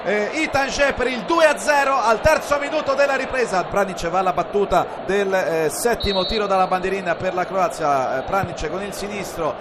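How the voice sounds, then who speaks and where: A man commentates on live football in an extremely high, excited voice, laying out the play in emphatic detail. A roaring stadium crowd makes the broadcast very noisy. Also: normal speed, hardly any pauses.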